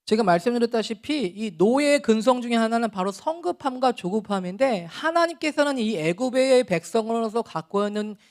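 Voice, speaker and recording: A middle-aged man preaching a sermon as a pastor, talking in a relaxed, conversational way with chuckles and acted-out scolding. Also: very high-pitched, brisk, few pauses.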